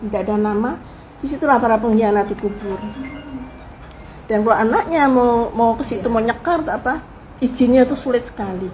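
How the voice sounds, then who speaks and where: An older woman, a guest in an interview, telling family history in a lively way and acting out the people she quotes. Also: a little high, a little fast, soft background music, rough recording. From Indonesia. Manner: animated storyteller who acts out quoted people. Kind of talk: casual spoken reminiscence.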